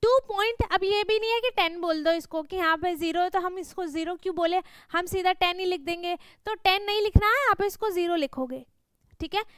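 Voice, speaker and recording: A woman's voice: extremely high pitch, fairly quick, a bit bright, no echo. A woman maths teacher, patiently explaining a worksheet to children and often asking whether they follow. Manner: patient, repeats "thik hai?" and "hai na?" to check understanding.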